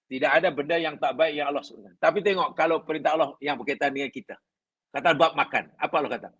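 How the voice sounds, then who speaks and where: A middle-aged man leads a religious study class. His voice sits a little high and has a husky grain. He explains in an easygoing, conversational way, working through plain everyday examples. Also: quick pace, a bit bright, dull audio. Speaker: religious teacher. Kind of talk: classroom lecture on hadith. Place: class at an Islamic study centre.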